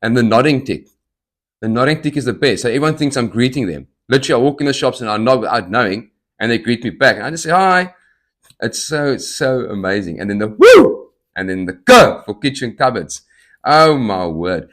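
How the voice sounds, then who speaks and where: A man in his thirties tells his own story on his podcast in a somewhat low voice. He hops from topic to topic and acts out the people he quotes. Tics break into his talk now and then. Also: fairly bright tone. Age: 30s. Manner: jumps between topics, acts out quoted dialogue; tics and sudden outbursts mid-speech. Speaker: podcast host. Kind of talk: personal storytelling monologue.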